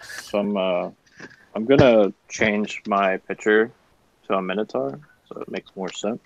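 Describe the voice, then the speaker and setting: Low-voiced man playing a tabletop game. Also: measured pace, gravelly, no echo. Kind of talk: casual game chat. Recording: dull, lo-fi voice chat.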